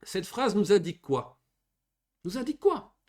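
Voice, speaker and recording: A man's voice: sits high, very animated, moderate pace, darkish tone. A man giving a beginners' lesson, reading Arabic words aloud and patiently explaining each one in French. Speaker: Arabic teacher. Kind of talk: classroom lesson explaining grammar.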